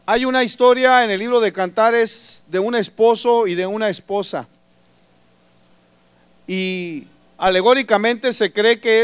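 A man's voice: high-pitched, clear, resonant tone, no room sound. A man preaching a sermon, telling stories with animation and calling the congregation brothers. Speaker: pastor.

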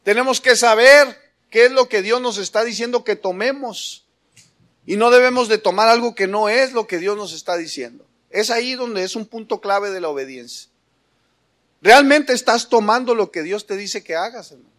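A man's voice: high voice, moderate pace. A man preaching a sermon, firing rhetorical questions at the congregation and calling them brother, building to emphatic passages. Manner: rises to emphatic, louder preaching.

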